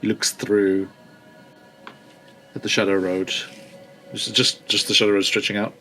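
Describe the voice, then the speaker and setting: A man's voice: fairly low pitch, little pitch movement, a little slow, pushed and bright, faint music behind. A man chatting informally as a tabletop player, thinking aloud as he describes his character's actions. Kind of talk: casual game chat, describing character's actions.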